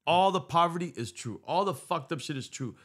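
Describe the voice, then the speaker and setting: Speaking quickly and expressively in a slightly high, fairly bright voice, this middle-aged US podcast host spins a long, casual story on a boom-mounted studio mic, with plenty of swearing and Spanish words.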